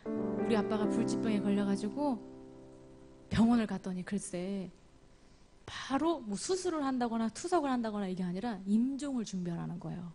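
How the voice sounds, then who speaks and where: A woman telling her life story as a church testimony, moving from loud exclamations to near whispers. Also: medium pitch, normal speed. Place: church service. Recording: music playing clearly behind her voice. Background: instrumental music.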